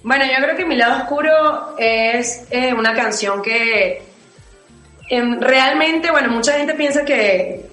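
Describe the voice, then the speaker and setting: Mujer venezolana de voz algo aguda, en sala con eco. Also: female voice, fairly high pitch, fairly bright tone, echoey room, poor audio. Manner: thoughtful, many fillers and restarts. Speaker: singer-songwriter guest. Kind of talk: interview answers.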